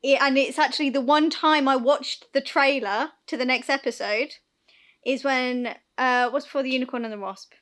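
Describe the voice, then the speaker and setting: A woman, co-hosting a chatty podcast and telling stories in an animated way. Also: high-pitched, moderate pace. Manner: animated storytelling, laughing and acting out scenes. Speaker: podcast co-host. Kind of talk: casual chat.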